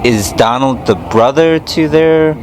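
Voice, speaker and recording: Male interviewer, average pitch, casual and hesitant, repeats himself, slightly noisy recording. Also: lively intonation. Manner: halting, tentative, repeats words. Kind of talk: casual questioning. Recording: background noise.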